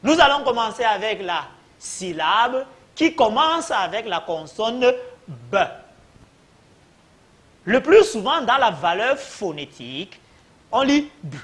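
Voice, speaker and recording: A man teaching young children to read, sounding out letters and syllables slowly and clearly, calling the class his friends. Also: high-pitched, big pitch swings, fairly bright tone. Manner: slow, drawn-out sounding of syllables. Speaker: primary school teacher. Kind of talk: children's reading lesson.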